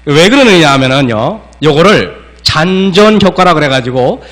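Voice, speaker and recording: A man with a high voice preaches a sermon to a congregation. He throws questions at the listeners and acts out scolding parents. A faint electrical hum runs under the recording. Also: expressive, moderate pace, a bit bright. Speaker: pastor.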